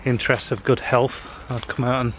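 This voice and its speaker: Casting: man vlogging on a walk, a bit winded, mid pitch, faint outdoor hiss. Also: little pitch movement, fairly quick, a bit bright. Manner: chatty, with frequent "uh" fillers. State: slightly out of breath walking uphill. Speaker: social media marketing vlogger. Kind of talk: casual walking vlog. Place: outdoors on a wooded hill path. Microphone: handheld camera.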